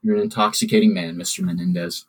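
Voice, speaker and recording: A man's voice: deep voice, steady tone, fast talker, slightly rough, rough recording. A man voicing a poised young princess who speaks in a prim, formal way. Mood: cool. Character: elegant princess, young woman, cool and formal.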